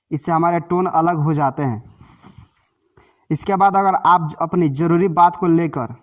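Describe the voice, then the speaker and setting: Male book-summary narrator, higher pitch, explanatory, slightly dull lo-fi sound. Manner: explanatory, with self-corrections.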